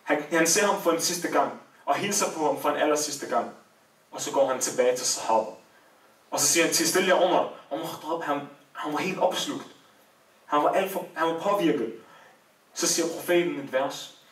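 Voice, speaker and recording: A man telling a religious story as a sermon, with emotional rises and falls in emphasis. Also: on the high side. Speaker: preacher. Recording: echoey room, voice from far off.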